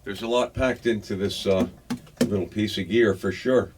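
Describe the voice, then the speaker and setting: In a noticeably noisy room, a man with a fairly low pitch demos and unboxes music gear at normal speed. He's casual and unscripted, thinking aloud with some hesitation.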